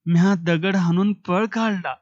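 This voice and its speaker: A man voicing a frightened, rough-spoken village farmer who talks in rustic dialect. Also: high voice, fairly even intonation, measured pace, a little mellow, no room sound. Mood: recounting. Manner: rustic dialect speech, raised urgent calls. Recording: dull dry recording.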